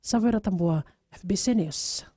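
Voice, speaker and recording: A woman's voice: medium pitch, moderate pace, mellow, slightly rough. A woman reporter reading a scripted news voice-over.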